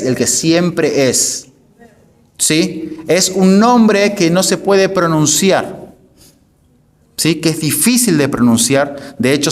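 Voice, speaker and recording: A pastor giving a teaching lecture to a congregation, emphatic, repeating phrases and often asking the room whether they follow. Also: male voice, fairly high pitch. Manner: asks the audience frequent checking questions.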